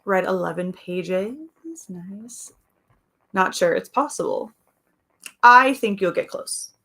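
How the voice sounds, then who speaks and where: A woman with a raspy voice hosting a casual livestream, reading viewers' comments aloud and chatting about them. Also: lowish voice, slow pace, pushed and bright. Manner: chatty, reads comments aloud, laughs often. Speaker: livestream host.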